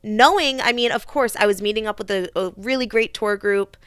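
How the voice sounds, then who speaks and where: A woman's voice: medium pitch, a little fast, a bit bright, smooth, no echo, clean studio sound. A young adult woman hosting a podcast, telling a personal story in an earnest, reflective way with frequent restarts. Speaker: podcast host.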